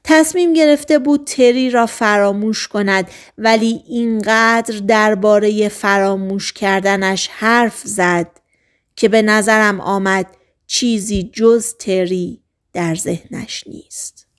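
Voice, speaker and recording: Soft-spoken woman reading a novel. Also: medium pitch, steady tone, smooth. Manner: soft, hushed, often half-whispered delivery. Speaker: audiobook narrator.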